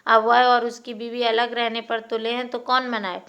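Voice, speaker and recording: A woman voicing an older village aunt who is proud and hurt, giving sharp, resigned retorts. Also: on the high side, little pitch movement, normal speed. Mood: curt. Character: Panna, widowed aunt, proud and wounded.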